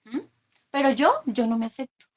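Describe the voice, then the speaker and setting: A woman's voice: a little high, fairly even intonation, moderate pace, lo-fi sound. A woman psychologist giving an earnest workshop talk to parents, checking in with her listeners often.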